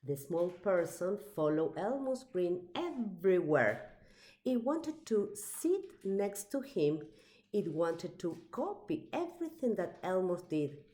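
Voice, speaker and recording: This storybook reader is a woman whose voice runs on the low side, and she brings a children's picture book to life in an expressive, measured way.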